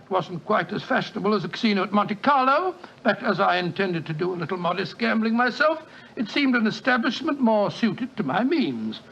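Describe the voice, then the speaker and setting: An actor playing a genial elderly doctor, Watson, telling a story in bluff, old-fashioned 1940s radio style. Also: male voice, high-pitched, animated, brisk, vocal fry, a bit bright, husky, full character voice. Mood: storytelling. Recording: dull lo-fi 1940s radio recording.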